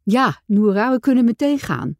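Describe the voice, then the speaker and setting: Woman reader doing a mischievous storybook werewolf kid, teasing, animated. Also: a little high, moderate pace, no room sound, studio quality, voice pushed up. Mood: eager. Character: cheeky young werewolf boy.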